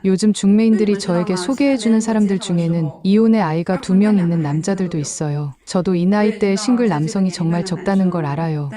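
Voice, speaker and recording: Earnest lower-voiced woman, thirties. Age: 30s. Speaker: interviewee.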